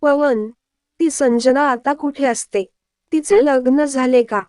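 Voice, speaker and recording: Woman doing a tart, teasing young wife, high clear voice. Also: fairly even intonation, slow, darkish tone, no echo, studio quality. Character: young woman, sharp-tongued daughter-in-law.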